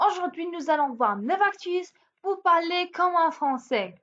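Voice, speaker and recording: High-voiced woman teaching a lesson. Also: expressive, lo-fi sound. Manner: clear, deliberate, models example phrases. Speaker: French teacher. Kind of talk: informal language lesson.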